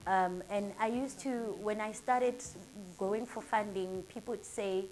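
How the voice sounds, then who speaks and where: A woman's voice: medium pitch, a little slow, a little mellow, slight background noise. Earnest South African woman in her thirties. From Durban, South Africa. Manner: earnest, upbeat and motivational. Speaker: salon owner. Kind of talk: casual interview answers.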